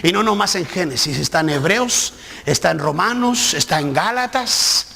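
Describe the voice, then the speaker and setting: A man preaches with lively, shouting emphasis. His voice sits very high and has a gravelly edge with a bright, tense tone. The live church recording carries a long hall reverb. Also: moderate pace. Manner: animated preaching, shouting key words. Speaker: pastor. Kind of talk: sermon.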